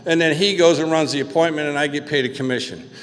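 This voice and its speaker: A man's voice: fairly high pitch, steady tone, fast talker, a bit bright. A man with a New Jersey accent giving a recovery testimony from the pulpit, telling his story and acting out the voices of the people in it. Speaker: guest speaker. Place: church hall. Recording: long hall reverb.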